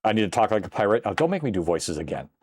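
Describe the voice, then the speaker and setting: Older man, live-stream gameplay commentary, chatty, lively swooping pitch, fairly low voice. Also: rapid-fire, slight background noise. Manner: chatty, exclaims loudly at close calls, greets chat viewers. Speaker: streamer playing a retro computer game.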